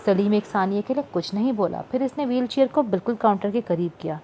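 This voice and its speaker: A woman narrates a novel in steady, calm storytelling. Her voice is mellow and sits at a middle pitch. There is a faint hiss under the reading. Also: fast talker. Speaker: audiobook narrator.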